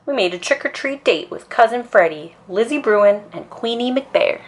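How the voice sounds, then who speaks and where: A woman's voice: on the high side, expressive, moderate pace, voice pushed up. A woman voicing an eager, confident young boy bear cub from a storybook, keen and emphatic. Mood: planning.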